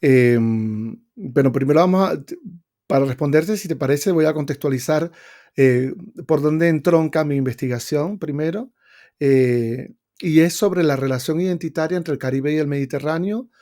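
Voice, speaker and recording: A man from Venezuela, a guest researcher with a Venezuelan accent, answers interview questions thoughtfully, using many fillers and restarts. His voice is warm and fairly high-pitched, at a normal speed.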